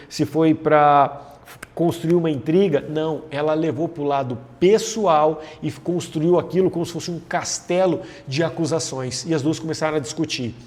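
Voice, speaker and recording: A man's voice: fairly high pitch, a little mellow. A man giving a leadership lesson, asking rhetorical questions and answering them himself, repeating key phrases for emphasis. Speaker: leadership lecturer, host of the series. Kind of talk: talking-head lesson on management.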